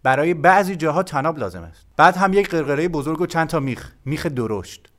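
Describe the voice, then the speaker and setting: A man's voice: on the high side, lively intonation, voice pushed up, natural voice. A man voicing a stubborn, defiant boy who gives curt, firm demands in an audiobook. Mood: determined.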